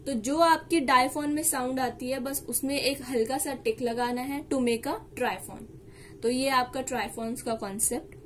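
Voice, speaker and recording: Slight background noise accompanies this shorthand lesson, where a woman speaks at a measured pace in a high, somewhat bright voice. Speaking Hindi with English words mixed in, she walks through every step patiently and keeps repeating key terms.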